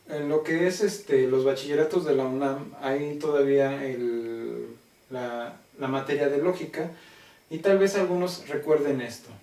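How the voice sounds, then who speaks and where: A man with a Mexican accent teaching a logic class, talking deliberately and constantly checking that students follow. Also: on the high side, a little mellow. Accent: Mexican Spanish. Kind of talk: classroom lecture. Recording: roomy classroom, mic far off.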